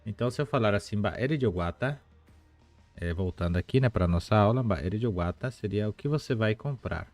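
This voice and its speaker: A man teaching a live online language lesson, explaining patiently and repeating words slowly, with chatty asides to viewers. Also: fairly low pitch, expressive, darkish tone, dry recording, faint music behind.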